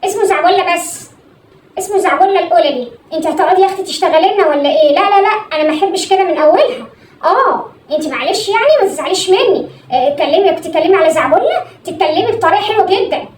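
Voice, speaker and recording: Comedy sketch: woman doing a loud, bragging Egyptian mother-in-law type, squeaky-high and rattling along fast, in an echoey room. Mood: offended. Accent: Egyptian Arabic. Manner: gushing, shrill sudden outbursts. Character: boastful pushy mother of a dim groom. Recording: echoey room, mic at distance, faint hum.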